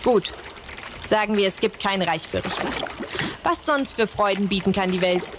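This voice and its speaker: A woman's voice: medium pitch, moderate pace, natural voice. A woman playing a bitter, ambitious, misshapen young nobleman in theatrical classical verse. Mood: bitter, brooding. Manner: theatrical, scheming, brooding. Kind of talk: classical stage verse acting. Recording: clearly noisy ambient background.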